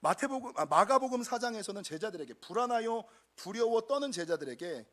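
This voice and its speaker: A man's voice: high-pitched, brisk. A middle-aged male pastor preaching a sermon, addressing the congregation directly and acting out quoted voices. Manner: animated, acts out quoted voices.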